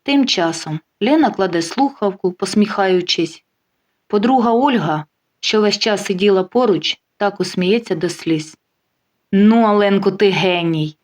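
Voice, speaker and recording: A woman narrating a life story in a steady, even reading voice. Her pitch sits right in the middle, neither high nor low. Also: measured pace.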